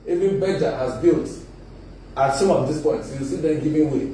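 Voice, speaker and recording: A man's voice: a little high, normal speed, mellow, slight background noise. A man, a guest on a live panel discussion, explaining his points earnestly. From Nigeria. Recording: echoey room, mic at a distance.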